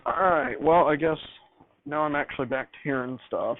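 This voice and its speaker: A hobbyist host gives an unscripted technical walkthrough, rambling and correcting himself as he explains. His voice is on the high side and creaky at a moderate pace, and the noisy recording sounds tinny, like a phone.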